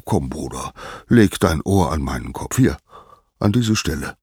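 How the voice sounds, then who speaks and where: A man's voice: very deep voice, lively intonation, unhurried, darkish tone, breathy edge, no echo, studio quality, full character voice. A man voicing Zeus as a mighty, grumpy old god-king suffering a headache, groaning and suspicious. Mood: irritable, aching.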